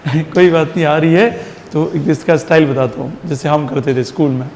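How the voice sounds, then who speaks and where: A man's voice: a little high, fairly even intonation, moderate pace, a little mellow, a little hiss or hum. A male science teacher giving a classroom physics lesson, drilling students with repeated questions and answers, mixing in English terms. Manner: mixes Hindi with English terms. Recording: long reverb in a hall.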